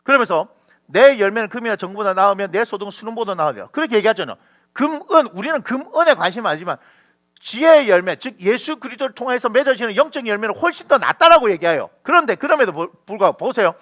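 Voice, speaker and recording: A man's voice: high voice, very animated, quick pace, fairly bright tone. A man pastor preaching a sermon, emphatic and scolding, asking the congregation rhetorical questions.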